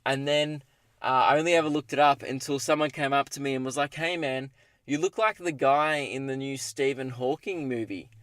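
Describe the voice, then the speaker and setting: A man's voice: mid-range voice, moderate pace, a bit bright, clear, resonant tone, no room sound. A young man with an Australian accent rambling casually and jokingly through a solo podcast, recorded inside a parked car. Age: young adult. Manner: self-deprecating, joking.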